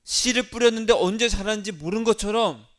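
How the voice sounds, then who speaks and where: A man preaching a sermon as a pastor, putting questions to the congregation and answering them himself. He shifts between loud emphasis and soft, low asides. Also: fairly quick.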